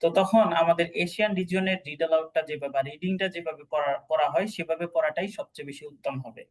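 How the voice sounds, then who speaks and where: Fairly high-voiced male tutor. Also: quick pace, rough recording. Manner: explains step by step, checks understanding often. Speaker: PTE exam instructor. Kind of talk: online class teaching.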